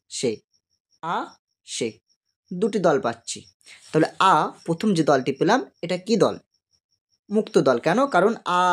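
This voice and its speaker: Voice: medium pitch, darkish tone. A teacher giving a recorded grammar lesson to school students. They explain step by step, ask questions and answer them, and slip English words into the explanation.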